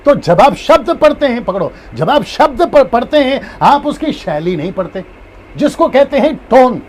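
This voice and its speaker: A man's voice: very high-pitched, big pitch swings, moderate pace, darkish tone, slight background noise. A man preaching as a pastor in a live-streamed Bible teaching, who repeats his key points and acts out different tones of a phrase.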